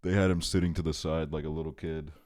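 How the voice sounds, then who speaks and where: A man's voice: a bass voice, flat delivery, quick pace, a little mellow. A man chatting casually on a livestream as he reacts to a video, rambling, wry and swearing freely.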